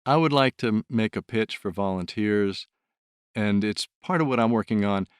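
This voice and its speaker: A man's voice: lowish voice, moderate pace, clear, resonant tone, dry recording, studio quality. A man who volunteers as an audiobook narrator, talking about his work in a thoughtful, earnest way. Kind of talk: reflective interview talk.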